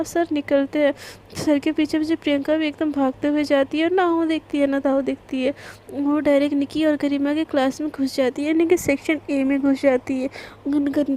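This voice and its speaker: A woman's voice: high-pitched, mellow. A woman telling a love story in a casual, chatty way, mixing into her talk and using lots of fillers. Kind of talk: casual spoken story narration.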